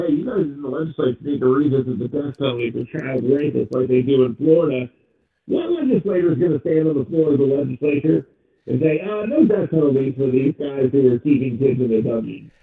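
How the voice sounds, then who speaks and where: A man on a talk radio panel whose voice comes through muffled, as if through a wall, making pointed, argumentative points. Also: mid-range voice. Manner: argumentative, posing pointed questions. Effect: muffled, as if talking through a wall or inside a tin can. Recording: muffled echoey phone-line audio.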